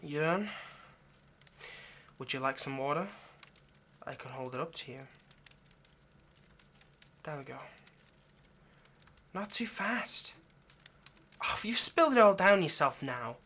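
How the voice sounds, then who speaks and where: A man performs an intimate roleplay monologue as an anxious, lovesick vampire kidnapper centuries old, rambling, halting and coaxing straight to the listener in a soothing, apologetic mood. His fairly high voice is animated, pushed and bright, heavily acted, with a little hiss or hum.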